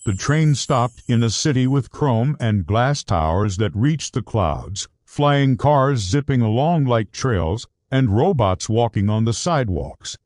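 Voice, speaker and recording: A man reads a children's adventure tale aloud, his pitch climbing and falling with animated storybook energy. His voice sits at an ordinary middle pitch. The recording is close and dry, with no room sound. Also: unhurried, hardly any pauses, dry recording. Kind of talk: scripted children's story narration.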